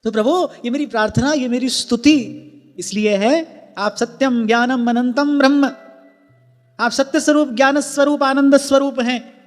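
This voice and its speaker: A man's voice: very high voice, normal speed. A man giving a devotional discourse, teaching earnestly and working through examples of which word carries the stress. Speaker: devotional preacher. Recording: reverberant hall with faint music.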